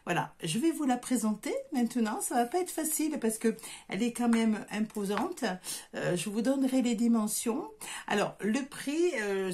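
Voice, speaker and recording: A woman's voice: medium pitch, darkish tone. A middle-aged woman with a southern French accent, chatting casually to camera in her craft workshop, hesitant with many fillers and restarts. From southern France. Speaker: crafts vlogger. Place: home craft workshop, indoors.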